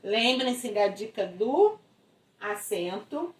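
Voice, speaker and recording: Woman, Brazilian Portuguese accent, teacher, recorded video lesson, step-by-step explaining, frequent tag questions, animated intonation, distant mic in an echoey room. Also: mid-range voice, slow.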